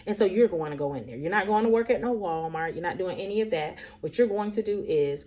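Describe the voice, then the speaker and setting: A woman's voice: lowish voice, animated, fast talker, mellow, close to an everyday voice. A woman voicing her firm, no-nonsense mother giving tough advice in a stern, lecturing tone.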